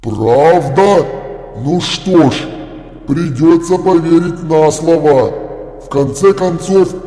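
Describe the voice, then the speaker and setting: A man doing a slow booming Hogfather. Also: mellow. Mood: grandly. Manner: slow, drawn-out, solemn. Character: deep slow booming male Hogfather figure. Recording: echoey hall reverb.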